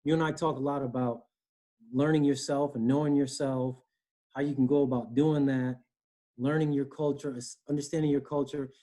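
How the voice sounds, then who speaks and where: Joining a video call from indoors at home, this HR director is being interviewed conversationally and talks with earnest warmth, frequently tossing in "you know" and "right?". He's in his forties, from Connecticut with an East Coast accent, and his medium-pitched voice stays fairly even at a moderate pace.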